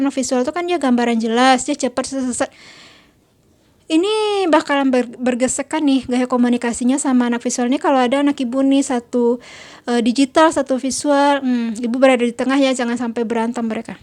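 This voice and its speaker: A woman's voice: sits high, a little mellow. A woman giving a chatty talk on parenting, acting out the lines parents and children say. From Indonesia. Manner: chatty, acts out quoted lines. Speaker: parenting speaker.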